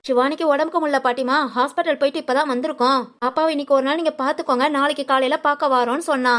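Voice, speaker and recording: A woman's voice: high voice, steady tone, rapid-fire, fairly bright tone. A woman voicing a scolding, doting village grandmother. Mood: chatty. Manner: scolding, coaxing, sing-song village talk. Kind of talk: animated family story voice acting.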